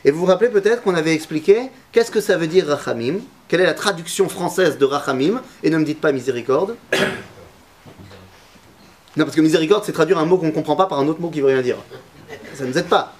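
A man's voice: fairly high pitch, brisk, slight background noise. A man teaching a Torah lesson to a class, asking his students questions and mixing Hebrew terms into his talk.

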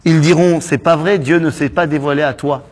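A man teaching a lively Bible study class, asking quick rhetorical questions and mixing Hebrew terms into his talk. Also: fairly high pitch, a little hiss or hum. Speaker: Torah teacher.

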